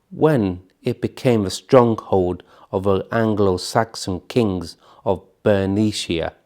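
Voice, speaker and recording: A man narrates a scripted heritage documentary at a very unhurried pace. His voice sits fairly low, and he uses solemn, measured phrasing with dramatic pauses. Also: darkish tone.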